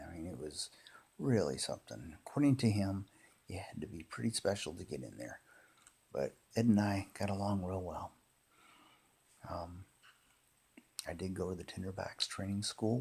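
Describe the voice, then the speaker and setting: Casual monologue, man in his fifties: low, very raspy and breathy, halting and unhurried. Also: a little mellow. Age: 50s. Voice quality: gravelly, husky. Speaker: pipe hobbyist and former tobacco shop worker.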